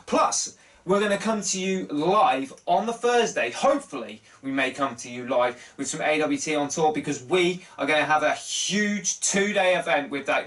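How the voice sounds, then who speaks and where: A man in his thirties hosting a casual wrestling news show to camera, upbeat and chatty, with big jumps in pitch for emphasis. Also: fairly bright tone. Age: 30s. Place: small wood-panelled room full of wrestling posters. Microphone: webcam close up, then wide desk camera.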